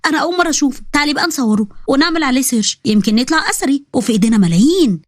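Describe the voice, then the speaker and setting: Woman doing a teasing young roommate, egyptian accent, playful and fast. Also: high-pitched, expressive, no echo, clean studio sound. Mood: eager.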